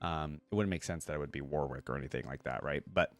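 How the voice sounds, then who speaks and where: Speaking quickly in an extremely low voice, a man reacts to a game on his video channel, musing aloud in loose, slangy terms. A game trailer and theme music can be heard in the background.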